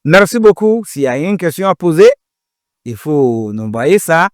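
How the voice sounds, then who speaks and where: A man from Ghana teaching a language class, repeating each word slowly and carefully to drill pronunciation. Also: fairly high pitch, very animated, dry recording, clean studio sound. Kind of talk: pronunciation lesson.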